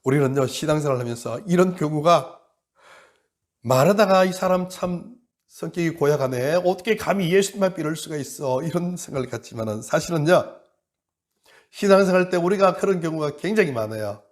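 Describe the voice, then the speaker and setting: A middle-aged male pastor preaching a sermon, acting out complaints with rising energy and dropping to a hush for emphasis. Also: fairly high pitch, expressive, fairly quick.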